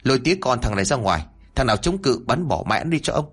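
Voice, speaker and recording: A man voicing a cruel, lecherous old village chief who bosses people around in a husky voice. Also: mid-range voice, sing-song, fast. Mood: bossy. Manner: bossy, barking orders, then oily and coaxing.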